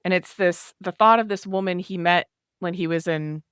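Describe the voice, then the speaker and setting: A woman co-host on a talk podcast with a low, smooth, resonant voice. She talks in a relaxed, reflective way and walks through a story at length. The sound is close and dry. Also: normal speed, no room sound. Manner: thoughtful, recounts film plot at length. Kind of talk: casual podcast chat.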